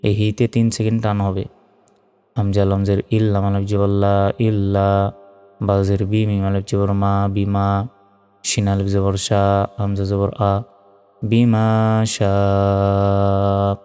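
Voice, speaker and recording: A man teaching Quran reading spells out the letters slowly and patiently, in a low, smooth voice. His tone is mellow and mostly flat. The sound carries a long reverb, with faint music underneath. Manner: slow, drawn-out teaching with melodic chanting of verses. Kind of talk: spelling out Arabic letter by letter, then chanted recitation.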